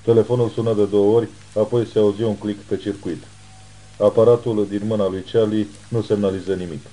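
A man narrating an audiobook in a steady, even way. His voice is low-pitched and very dark, with a mellow, relaxed tone. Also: rough recording. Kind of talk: scripted narration.

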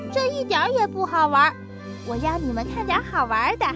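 Brief: a woman playing a naughty young boy, shrill and lively, loud and teasing, for a storybook. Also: quick pace, over music. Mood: gleeful. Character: mischievous naughty little boy.

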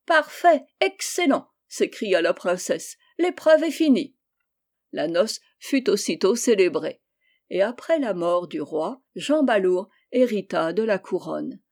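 A woman narrating a fairy tale as a volunteer audiobook reader, in a calm, even storytelling manner. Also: on the low side, measured pace.

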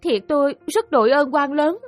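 A woman's voice: sits high, normal speed, no echo, soft background music, close to an everyday voice. An actress voicing a young woman accused of murder who answers an official with earnest, deferential pleading in an audiobook drama.

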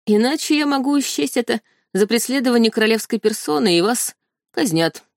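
A woman's voice: a little high, animated, fairly quick, creaky, no room sound, pitched above the performer's own voice. A cold young prince full of contempt, read by a woman in an audiobook. He snaps and sneers with harsh scorn. The recording is dry and close. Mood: scornful.

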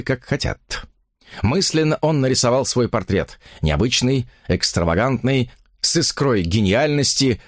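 Male audiobook narrator, lively expressive pitch, dry close studio sound, literary reading. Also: dry recording.

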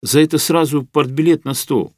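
A man's voice: a little high, steady tone, moderate pace, no echo, clean studio sound, voice pushed up, natural voice. A man voicing a rigid, indignant Soviet party delegate with an officious, bureaucratic way of speaking.

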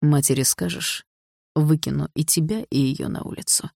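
A woman voicing a controlling middle-aged stepfather who speaks in a calm, menacing, condescending way. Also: low-pitched, brisk, creaky, no echo, studio quality. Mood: cold calm.

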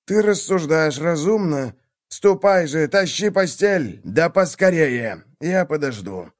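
A man's voice: on the high side, expressive, slow pace, voice pushed up. A man voicing a hungry, boastful male wolf who growls out threats, read as a storybook tale. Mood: blustering. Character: hungry, blustering male wolf, easily tricked.

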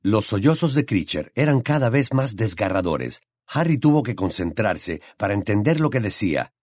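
A man reading a novel aloud as an audiobook narrator, dramatic and expressive. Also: fairly low pitch, normal speed, no echo, studio quality.

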